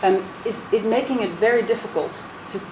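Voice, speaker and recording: Speaking briskly at medium pitch, this roundtable panelist is a Netherlands-born woman who grew up in America and sounds American. Her delivery is earnest and persuasive, full of restarts, captured in a noisy, echoing room.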